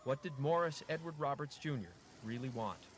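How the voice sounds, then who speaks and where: An American man reading scripted television news narration as a reporter, in a measured, formal broadcast delivery. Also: mid-range voice, expressive. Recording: noisy 1980s TV news tape, street noise.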